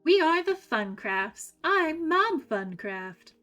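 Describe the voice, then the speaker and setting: A woman's voice: sits high, very animated, takes it slowly, fairly bright tone, faint music behind, voice pushed up, full character voice. A woman voicing a friendly, polite mother doll calling out from a box in a storybook.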